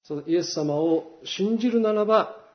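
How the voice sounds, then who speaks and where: A man preaching a sermon as a pastor, earnest, swelling louder on key words. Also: sits high, normal speed. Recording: dull lo-fi recording.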